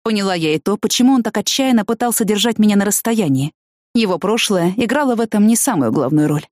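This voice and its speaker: A woman narrating a first-person novel in an even, measured storytelling voice. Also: medium pitch, dry recording, studio quality. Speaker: audiobook narrator.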